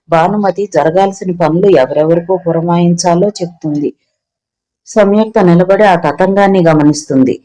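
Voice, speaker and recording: Guy with a pretty high voice reading a novel out loud, steady and even, audiobook style. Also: rough recording. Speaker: audiobook narrator. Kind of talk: scripted novel narration.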